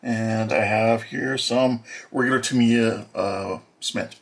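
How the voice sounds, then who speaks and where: A man walking through an unboxing as a hobby model builder, talking in a plain, matter-of-fact way with many filler pauses. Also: medium pitch, fairly even intonation. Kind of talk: unboxing walkthrough.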